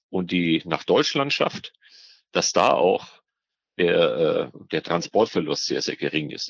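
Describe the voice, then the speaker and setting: A biologist who studies the ornamental fish trade answers interview questions as an expert guest, explaining haltingly and repeating words while he searches for the next one. His voice is deep and creaky, and the recording has no echo and cut-off highs.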